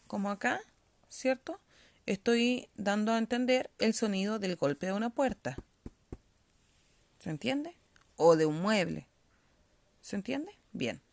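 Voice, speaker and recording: A woman's voice: fairly low pitch, clear, resonant tone, dry recording. A woman teacher leads a reading-comprehension lesson at a patient, explanatory pace. She keeps checking in with her pupils as she goes. The recording is close and dry, with no room sound.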